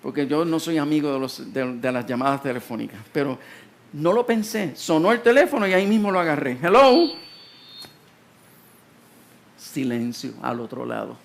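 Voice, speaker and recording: A man's voice: medium pitch, lively intonation, fairly quick, gravelly. A man giving an earnest, emotional testimony about his own life, often repeating his phrases. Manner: earnest, repeats phrases while telling the story. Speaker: speaker telling a personal story.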